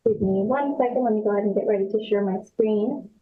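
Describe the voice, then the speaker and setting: A woman's voice: mid-range voice, quick pace, soft background music. A woman on a remote video call, presenting a formal staff report to a council in a polite, businesslike way, her audio glitching and cutting out. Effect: audio cutting out, glitchy dropouts. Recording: tinny, echoey call audio with dropouts.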